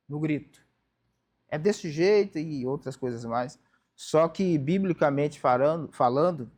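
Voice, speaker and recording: Brazilian male Bible teacher, slightly high voice, plain and repetitive classroom delivery. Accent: Brazilian Portuguese. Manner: plain-spoken, repeats key phrases, checks in with listeners. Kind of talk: opening prayer and classroom teaching. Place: classroom before students.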